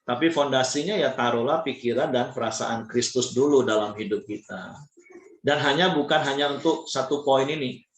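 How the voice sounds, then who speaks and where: A male pastor giving an animated sermon talk, acting out quoted people in changing voices. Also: mid-range voice, normal speed, reverberant.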